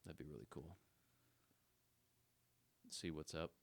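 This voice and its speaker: A man's voice: a bass voice, takes it slowly, vocal fry, a little hiss or hum. A man hosting a casual podcast chat, laid-back and jokey, talking straight to his listeners. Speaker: podcast host and real estate agent.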